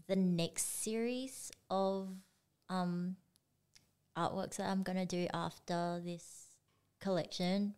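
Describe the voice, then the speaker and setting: Young woman from Singapore, slow and unhurried, fairly low voice, easygoing chat. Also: clean tone. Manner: relaxed, laughs often, trailing sentences. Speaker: artist. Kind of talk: casual chat.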